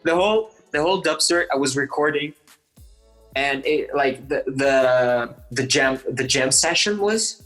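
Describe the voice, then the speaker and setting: A man's voice: mid-range voice, unhurried, a bit bright, soft background music, poor audio. Eager young man telling stories. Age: 20s. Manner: eager storytelling, full of likes and restarts. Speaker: guest athlete. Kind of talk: casual interview chat.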